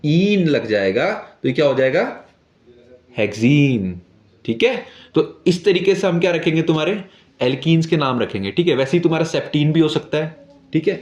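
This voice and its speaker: A man's voice: a little high, lively intonation, normal speed, darkish tone, dull audio. Young male chemistry teacher, echoey room. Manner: asks questions and answers them himself, repeats "ठीक है". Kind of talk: classroom lesson explanation.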